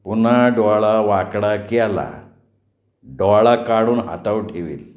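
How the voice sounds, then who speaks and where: A man's voice: lowish voice, slow, darkish tone. A harsh village landlord in a storybook, voiced by a man, commanding and threatening. His orders echo in a roomy space. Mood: menacing. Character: domineering rich older landlord, harsh tempered.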